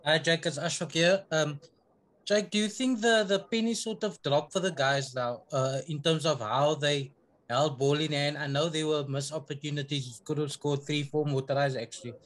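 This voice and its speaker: A man's voice: on the high side, steady tone, normal speed, fairly bright tone. A man working as a reporter, putting conversational questions to a coach at a press conference.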